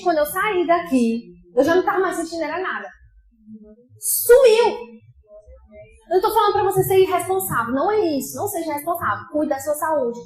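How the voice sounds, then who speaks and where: A woman pastor with a Brazilian accent preaching a sermon, shifting between loud outbursts and soft asides. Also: sits high. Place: church sanctuary. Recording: echoey church hall with faint music.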